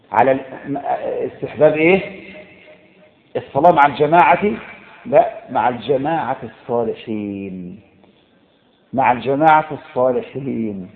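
A man with an Egyptian Arabic accent preaching a sermon, emphatic and repetitive, swinging between loud exhortation and low, intense tones. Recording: echoey, phone-like lo-fi recording.

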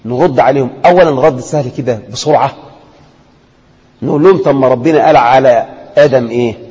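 A man with an Egyptian Arabic accent teaching a religious lesson, acting out debates and often dropping to a low, quiet voice. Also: fast, slightly rough. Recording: echoey hall, dull lo-fi sound.

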